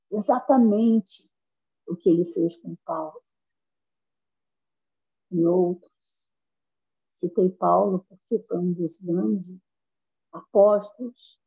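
A woman preaching a sermon with fervent, emphatic delivery that climbs high at its peaks. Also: warm tone, breathy edge. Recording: dull lo-fi sound.

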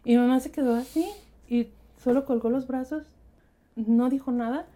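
A woman with a Mexican accent, a guest telling a personal story in animated, casual chat. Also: sits high, normal speed. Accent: Mexican Spanish. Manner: animated storytelling, quotes herself and others.

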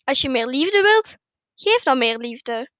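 A woman voicing a patient, wise father who calmly teaches his son in a spoken story. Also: high-pitched, slow, no room sound, full character voice. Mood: explaining. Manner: calm, instructive.

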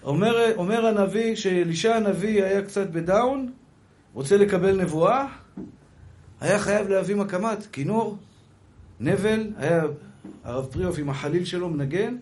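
High-voiced rabbi giving a fervent sermon. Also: male voice. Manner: swings from soft murmurs to loud emphatic repetition; acts out dialogue in storytelling. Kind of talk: Breslov Torah sermon.

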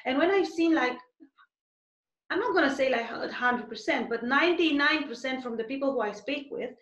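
A woman host with a non-native accent talks in a reflective, encouraging way. Her high voice is recorded in an echoey room. The sound is somewhat dull and lo-fi. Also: normal speed, a bit bright. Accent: foreign, non-native English. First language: not English. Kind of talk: casual interview.

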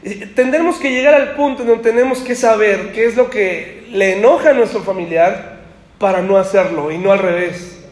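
A man preaches to his congregation in an easy, conversational way and keeps throwing rhetorical questions at them. His voice sits unusually high. The recording rings with a lot of room echo. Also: moderate pace, a little mellow. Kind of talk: sermon.

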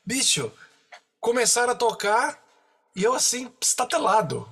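A Brazilian man with a Brazilian Portuguese accent, a percussionist guest excitedly telling stories in a podcast interview, full of slangy asides. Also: very high voice, a little slow, slightly rough, faint music behind.

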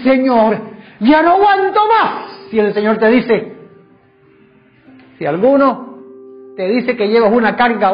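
A man preaching a sermon to a congregation in church, fervent and full of rhetorical questions. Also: high-pitched. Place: church service before a congregation. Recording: dull lo-fi sound, faint music behind.

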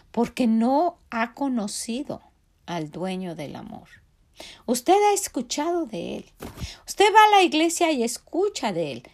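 A woman's voice: on the high side, darkish tone. A middle-aged woman giving a devotional talk to women as a podcast host, speaking to the listener directly with questions and formal address.

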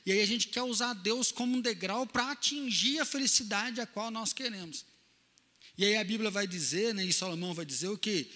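A man, a pastor giving an animated sermon that asks the congregation questions and acts out the voices of the people in his stories, recorded in a church. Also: sits high, long reverb tail. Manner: animated preaching with acted-out quotes, asks questions.

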